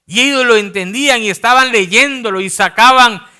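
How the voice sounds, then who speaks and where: A pastor preaching a sermon in a church, calling the congregation brothers and asking them rhetorical questions. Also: male voice, very high voice, moderate pace, sharp tone, smooth.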